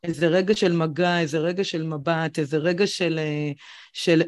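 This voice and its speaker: A woman's voice: deep voice, steady tone. Hesitant woman co-host, searching for words. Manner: searching for words, many pauses and fillers. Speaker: podcast co-host, educator. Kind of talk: reflective casual chat.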